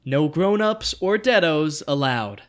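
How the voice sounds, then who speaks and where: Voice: medium pitch, expressive, takes it slowly. A performer doing a tough, protective young boy. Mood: reassuring. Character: boy Mikey, around eleven, tough and protective. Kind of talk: table read of a screenplay.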